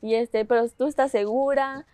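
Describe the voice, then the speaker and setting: A woman's voice: fairly high pitch, moderate pace. A young woman in her twenties with a Mexican accent, eagerly telling her story in an interview and quoting others as she goes. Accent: Mexican Spanish. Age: 20s. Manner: animated retelling with quoted dialogue, laughing often. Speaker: pageant contestant.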